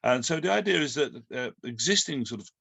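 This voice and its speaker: A man with a Cockney accent hosting an interview, asking long questions with many pauses and fillers. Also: medium pitch, animated, creaky, fairly bright tone, husky, dry recording. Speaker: host. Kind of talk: podcast interview.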